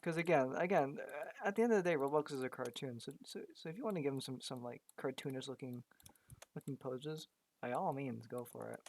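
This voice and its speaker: A man chatting casually as he works, talking through each step aloud. He is losing his voice, so it comes out a little worn. He stumbles and repeats words often, at a middling pitch. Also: a little fast, a little mellow. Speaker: graphic artist. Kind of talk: casual commentary while working.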